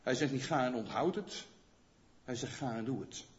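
A man preaching a sermon in a conversational way, often asking the congregation questions and checking in with a quick "yes?". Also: mid-range voice. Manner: rhetorical questions to the listeners. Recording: long church reverb, dull lo-fi sound.

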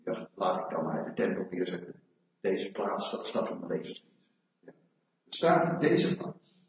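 Animated preacher in an echoey hall. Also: male voice, mid-range voice. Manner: animated, rhetorical questions to the congregation. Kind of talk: sermon. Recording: echoey hall, mic far off, dull sound.

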